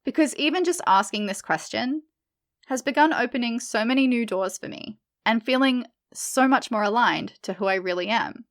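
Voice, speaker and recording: A woman's voice: on the high side, moderate pace. A woman hosting a podcast interview, opening with a prepared welcome and then chatting in a friendly way with her guest. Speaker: podcast host.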